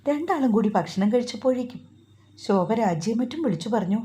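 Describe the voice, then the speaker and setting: A woman narrating a family story in a calm, steady reading. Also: fairly high pitch, fairly quick.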